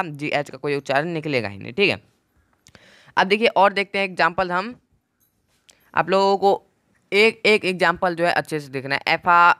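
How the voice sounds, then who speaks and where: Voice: medium pitch, pushed and bright, smooth, no room sound, studio quality. A teacher giving a Hindi-language spelling lesson, who spells each word letter by letter and then repeats every point. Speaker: English teacher.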